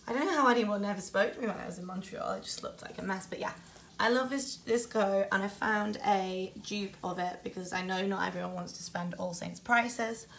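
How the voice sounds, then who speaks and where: A woman's voice: mid-range voice, a little fast, vocal fry, a bit bright. Chatty Yorkshire woman vlogging. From Yorkshire, England. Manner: chatty, self-deprecating, rambling asides. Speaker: travel vlogger. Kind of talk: casual vlog chat to camera. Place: out and about in a city, indoors and outdoors. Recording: vlog with music behind.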